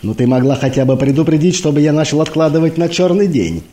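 A man's voice: on the high side, expressive, quick pace, mellow, voice pushed up, lightly acted. A man reading an audiobook, voicing a tactless, chatty army major who rambles in cheeky banter. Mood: teasing.

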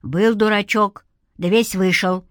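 A stout old village granny who scolds with sharp, bossy force, as a woman puts her on. She rises high and loud when she chides. The sound is dry and close. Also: fairly even intonation, unhurried, no room sound, natural voice. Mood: chiding.

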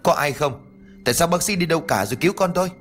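A grave village father who speaks heavily, then cries out for help, voiced by a male storyteller. The reading is animated, with faint music in the background. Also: sits low, normal speed. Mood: desperate. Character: serious worried village father, middle-aged.

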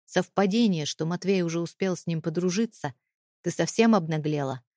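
A woman voicing a cold, threatening husband in an audiobook, speaking in low hissed threats. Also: moderate pace, a little mellow, dry recording, studio quality, close to an everyday voice. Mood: menacing.

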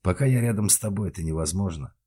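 A man voicing a calm, gentle middle-aged man who speaks softly. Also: low voice, fast, husky. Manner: calm, soft-spoken.

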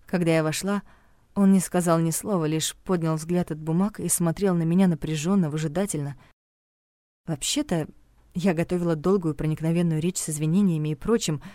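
A young woman narrating a first-person novel in a lively, wry storytelling manner, close to the mic. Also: low-pitched, dry recording. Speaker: audiobook narrator.

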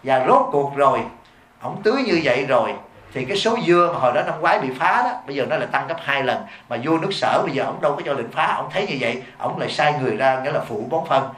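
Fast-talking monk preaching. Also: male voice, mid-range voice, lively intonation, a bit bright. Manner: blunt and emphatic, keeps questioning the audience. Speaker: Buddhist monk teacher. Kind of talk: sermon. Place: hall before a live audience. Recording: echoey hall.

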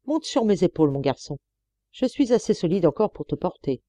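A gruff, stubborn old miner from a storybook, snapping out curt commands, as a woman reads him. The tone stays mellow and warm. There is a close, dry sound with no room. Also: on the low side, big pitch swings, fairly quick, no echo. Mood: eager.

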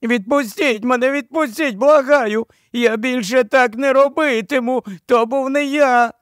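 A man's voice: very high voice, measured pace, fairly bright tone, no echo, clean studio sound, voice pushed up. A man voicing a small, pitiful male gnome who whines and pleads, in an audiobook. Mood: pleading. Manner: whining, pleading.

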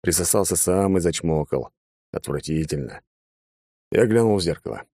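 Low-voiced male audiobook narrator. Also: expressive, moderate pace, mellow, dry recording, clean studio sound. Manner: wry, sardonic first-person telling. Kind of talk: first-person audiobook narration.

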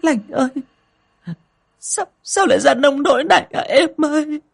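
A man's voice: extremely high pitch, normal speed, creaky, voice pushed up. A man voicing a grieving older mistress of the house, crying and accusing. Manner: crying, pleading. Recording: echoey long reverb.

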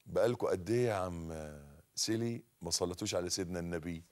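A man preaching in an Egyptian Arabic accent, swinging between loud, impassioned exhortation and low, quiet asides, and leading his audience in call-and-response blessings. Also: quick pace. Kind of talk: televised sermon in colloquial speech.

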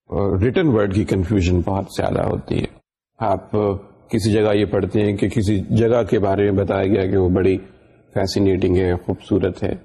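Mellow, husky male lecturer. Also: on the low side. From Pakistan. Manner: explains patiently, switching into English phrases. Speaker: university lecturer. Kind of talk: recorded lecture.

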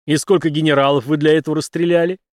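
A man reading an audiobook, voicing a huge burly bar owner who booms and grumbles. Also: flat delivery, quick pace, no room sound, clean studio sound, lightly acted. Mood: booming. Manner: booming, gruff.

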